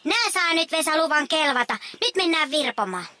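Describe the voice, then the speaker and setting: A chatty little boy squirrel from a children's audio story, with a very high, bright, squeaky voice. He rambles eagerly, full of fillers. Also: very animated, heavily acted. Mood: excited.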